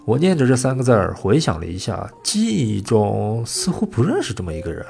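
A man reading a first-person story aloud as an audiobook narrator, in a measured storytelling manner. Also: lowish voice, sing-song, vocal fry, a little mellow. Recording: faint music behind the voice. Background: faint music.

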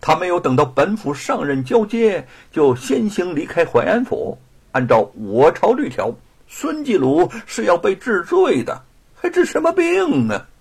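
A man's voice: high voice, wildly swooping pitch, a little slow, vocal fry, husky, pitched above the performer's own voice, heavily acted. A man voicing a sneering, corrupt middle-aged male prefect in a storytelling performance, cold and scornful.

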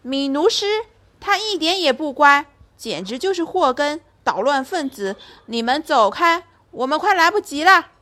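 Cranky rushed circus folks, high and snippy, a mom doing them. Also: female voice, animated, sharp tone. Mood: annoyed. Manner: snappish and hurried. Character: busy, grumpy circus clowns and acrobats.

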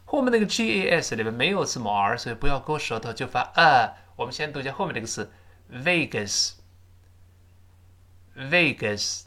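A man teaching a spoken English lesson. He explains points, then reads English phrases aloud slowly and repeats them to drill pronunciation. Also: medium pitch, lively intonation, fairly bright tone. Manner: switches between explaining and reading aloud.

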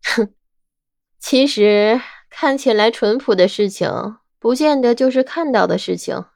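A woman voicing a sharp, stubborn young investigator who argues everything, in an audiobook drama, with a wry, argumentative manner. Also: mid-range voice, normal speed, creaky, no room sound, studio quality, close to an everyday voice. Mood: knowing.

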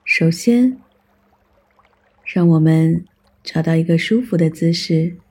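A meditation guide with a strongly breathy, husky voice. The delivery is very slow and soothing, leaving long pauses between short scripted instructions. The tone is mellow and calm throughout. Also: medium pitch.

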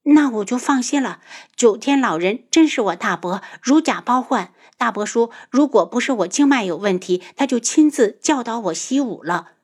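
Woman voicing a bright chatty young girl, audiobook character, quick and lively. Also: a little high. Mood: cheerful.

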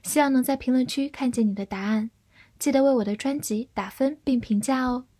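A woman teaching English vocabulary in a scripted lesson, explaining each word clearly and reading example sentences aloud slowly. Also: sits high, mellow. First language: Chinese. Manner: clear, measured explanations with slow read-alouds.

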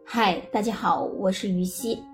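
A woman hosting and narrating a story in a gentle, conversational way, with small filler pauses. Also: mid-range voice, steady tone. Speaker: host. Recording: faint background music.

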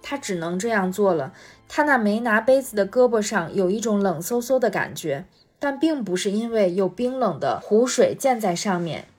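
A woman's voice: mid-range voice, animated, normal speed, a little mellow, breathy edge, faint music behind. Woman reading a storybook aloud. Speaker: guest reader.

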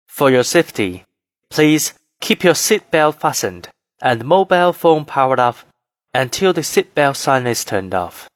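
Slow, formal male flight attendant announcement. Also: mid-range voice, no room sound, clean studio sound. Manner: formal, measured, phrase-by-phrase reading. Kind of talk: scripted airline cabin announcement.

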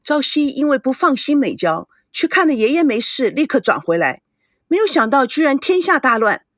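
A woman narrating a novel as an audiobook in an expressive storytelling manner. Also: high voice, moderate pace, no echo, clean studio sound.

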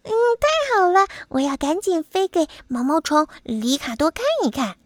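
A woman voicing an eager little bumblebee boy in a storybook, talking high and excited. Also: moderate pace, no room sound.

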